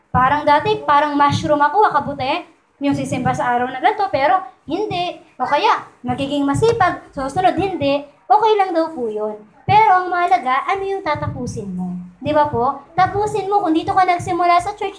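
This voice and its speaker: A woman's voice: high voice, roomy sound, poor audio. A woman giving a sermon in mixed Tagalog and English, in a chatty manner that keeps asking her listeners to agree. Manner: conversational, asks "di ba po?" often. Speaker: church speaker. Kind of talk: Taglish sermon. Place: church.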